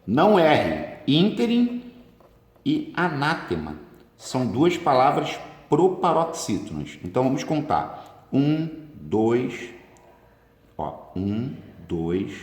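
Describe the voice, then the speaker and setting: A man's voice: mid-range voice, big pitch swings, takes it slowly. A man with a Brazilian Portuguese accent teaching a grammar lesson for exam prep, stretching words for emphasis. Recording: roomy echo with long reverb.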